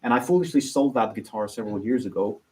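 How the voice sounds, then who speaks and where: A man answers questions about his week as a workshop student. His voice sits at a middle pitch, and he speaks earnestly and plainly in a relaxed interview. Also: fast talker, low-quality recording. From Belgium.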